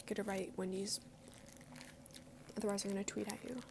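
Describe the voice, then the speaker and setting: A woman's voice: medium pitch, flat delivery, a little fast, gravelly, background noise. A young woman vlogging a casual mukbang at home, chatty and swearing freely while she eats. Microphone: headphones with mic.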